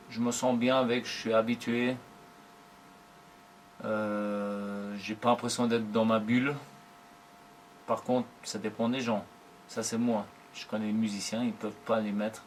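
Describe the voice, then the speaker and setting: A man in his forties with a fairly low voice answers interview questions about his life as a drummer. He talks in an unhurried, thoughtful way, pausing between short phrases. A faint hum sits under the recording. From Germany.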